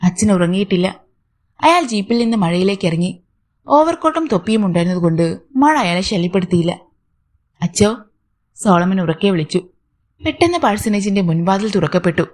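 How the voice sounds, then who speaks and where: A woman tells a story aloud at an unhurried pace. Her voice sits at a middle pitch. She voices the characters' lines in her own voice, lifting it slightly for the men. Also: a little mellow. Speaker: narrator. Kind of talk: storytelling narration.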